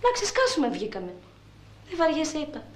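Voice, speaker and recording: A woman's voice: high voice, wildly swooping pitch, echoey room. An actress playing a young woman who answers police questions hesitantly and evasively. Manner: hesitant, evasive, explains herself. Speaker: witness under questioning.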